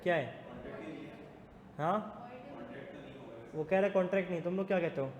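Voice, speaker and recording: A man teaching a business law class in a classroom. He talks fast, teases students and mixes English into his speech. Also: high voice, muffled recording. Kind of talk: classroom lecture. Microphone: not using the class mic. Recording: echoey classroom with long reverb and faint noise.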